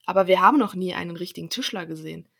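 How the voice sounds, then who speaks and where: Excited little gnome children , as a woman reading aloud puts them on, loud and eager in a storybook voice. The tone is gravelly with a husky edge. They pester and plead. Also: mid-range voice, fast talker.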